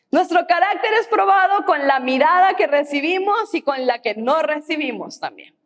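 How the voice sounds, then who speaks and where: High-voiced woman preaching. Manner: emphatic, repeats key phrases, asks the congregation to respond. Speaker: pastor. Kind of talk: sermon. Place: church.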